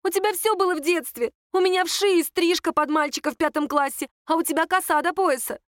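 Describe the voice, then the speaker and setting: Woman doing squeaky, tearful envious girl. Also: a little fast, no echo, studio quality. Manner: squeaky, shrieking.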